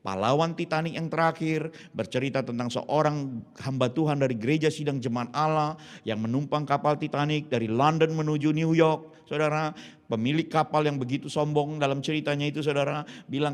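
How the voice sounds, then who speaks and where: A pastor in his fifties from Indonesia tells a sermon as a vivid story and keeps turning to his listeners. He acts out each person's lines and drops English phrases into his talk. His voice sits a little higher than most men's. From Indonesia (Jambi, Sumatra).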